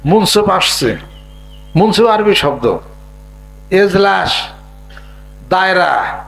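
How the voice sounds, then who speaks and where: A man preaching a sermon in a humorous way, imitating village speech and singing verses slowly. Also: sits high, very animated, gravelly, a bit bright, poor audio. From Bangladesh. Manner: humorous, mimics rural dialect, sings verses slowly. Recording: faint mains hum.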